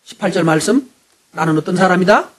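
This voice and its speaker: Husky high-voiced male pastor preaching. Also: brisk. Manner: asks the congregation frequent rhetorical questions; animated, swinging between loud emphasis and hushed asides. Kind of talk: sermon.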